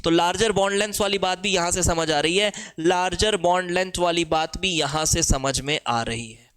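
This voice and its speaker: High-voiced Indian man teaching chemistry. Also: a bit bright, clean tone. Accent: Indian English. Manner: mixes Hindi and English, slows down to dictate rules; answers imagined student questions himself. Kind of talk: exam-prep lecture.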